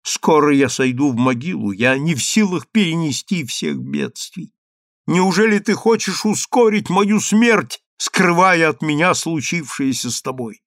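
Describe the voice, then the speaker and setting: A man's voice: medium pitch, lively intonation, moderate pace, few pauses, dry recording, studio quality, close to an everyday voice. A man voicing a stern, grieving mother who presses her daughter for the truth in a storybook reading. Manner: stern and insistent. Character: stern grieving mother, commanding then pleading.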